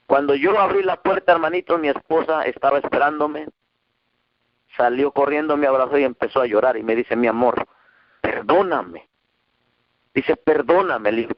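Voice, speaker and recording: Emotional Spanish-speaking preacher man, muffled. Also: no room sound. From Mexico. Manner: emotional storytelling, quoting dialogue with rising pitch. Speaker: pastor. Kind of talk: testimony sermon. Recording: dull muffled dry sound.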